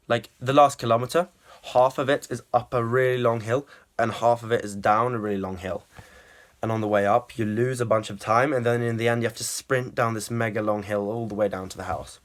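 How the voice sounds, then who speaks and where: A man's voice: mid-range voice, a bit bright. A man vlogging casually after a run, still out of breath, rambling with many ums and uhs. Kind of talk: casual running vlog.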